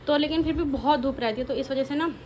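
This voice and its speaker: A woman's voice: fast, a little hiss or hum, poor audio. A young woman vlogging casually at home, talking in a rambling, chatty way to her viewers. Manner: chatty, rambling, switches to high baby talk with her toddler. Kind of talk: casual home vlog chat.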